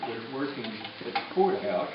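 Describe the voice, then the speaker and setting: A man's voice: medium pitch, expressive, normal speed. An elderly man telling family stories informally, in a rambling, folksy, jokey way. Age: 80s. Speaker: family elder giving a speech at a reunion. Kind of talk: informal storytelling speech. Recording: muffled, distant, echoey room with crowd noise. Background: crowd noise.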